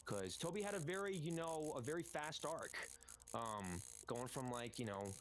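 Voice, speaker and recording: A young man, a guest voice actor, answering questions in a relaxed, rambling way with many fillers on a livestream. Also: a little high, moderate pace, a little hiss or hum. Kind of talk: casual livestream interview.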